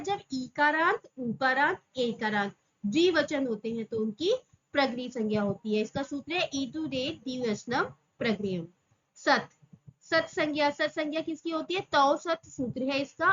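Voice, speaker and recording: A woman with a high, slightly bright voice gives a slow exam-prep grammar lesson, repeating each term and posing rhetorical questions that she answers herself. The recording sounds muffled.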